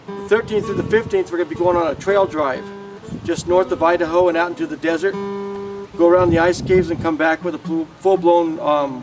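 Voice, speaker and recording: Higher-voiced man over guitar music. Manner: halting, informal. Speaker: event organizer. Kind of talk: informal event announcement. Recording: distant mic, music behind. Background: plucked guitar music.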